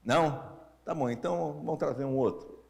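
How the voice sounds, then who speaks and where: A man's voice: mid-range voice, moderate pace, creaky. A Brazilian man in his sixties gives an informal lecture with slightly tongue-tied, slurred articulation, asking rhetorical questions and checking in with short tags. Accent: Brazilian Portuguese. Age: 60s. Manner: animated, checks in with listeners using short tag questions. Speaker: speaker leading a Spiritist family-ministry session.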